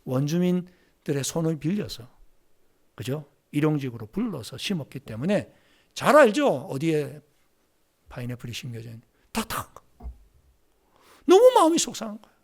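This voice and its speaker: A man preaching a sermon as pastor at a church service, telling stories in an animated way and acting out the dialogue. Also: a little high, normal speed, creaky, long pauses, husky.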